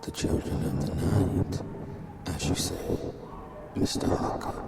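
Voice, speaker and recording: A man playing a menacing, courtly vampire count in a radio drama, formal and drawn-out, sometimes hushed and commanding. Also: low-pitched, vocal fry, heavily acted. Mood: sinister, courtly. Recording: very noisy recording with clicks.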